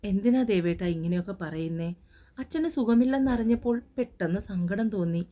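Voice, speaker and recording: An affectionate young wife, soft and coaxing with her husband, as a woman narrator reads her. The tone is mellow and warm-edged. It sounds like a spoken romance storybook. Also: medium pitch, expressive, a little fast, close to an everyday voice. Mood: tender. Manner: tender, coaxing.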